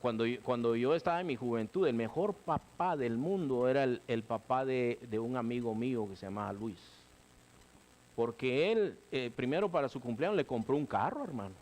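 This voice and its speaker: Animated preaching man. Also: mid-range voice, normal speed. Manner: animated preaching, keeps saying "hermano", acts out quoted voices. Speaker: pastor. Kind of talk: sermon.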